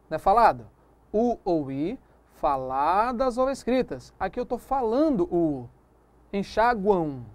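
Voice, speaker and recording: A woman teaches a recorded grammar lesson. Her pitch swings widely as she stresses each point, and she keeps checking in with the viewer through quick tag questions. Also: a little mellow, no echo. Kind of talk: recorded video lesson on phonetics.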